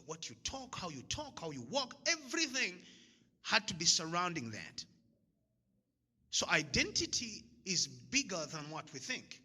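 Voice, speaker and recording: A man from Zambia gives an emphatic motivational talk in a high-pitched voice that is pushed, bright, and breathy at the edges. He repeats his key lines and laughs often at his own jokes. The hall adds a long reverb.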